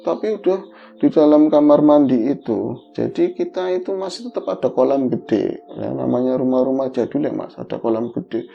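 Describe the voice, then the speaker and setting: A middle-aged man with a Javanese accent, telling his own story in a casual, animated way. His voice jumps up in pitch at the tense parts. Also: moderate pace, vocal fry, faint music behind. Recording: dull lo-fi audio with faint noise.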